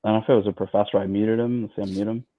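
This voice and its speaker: A low-voiced man chats in a loose, easygoing way as he co-hosts a livestream, repeating himself and filling gaps with ums. His voice comes through a thin, phone-like line. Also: very fast, a little hiss or hum. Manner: relaxed, chatty, many fillers and repeats. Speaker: livestream co-host. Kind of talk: casual livestream chat.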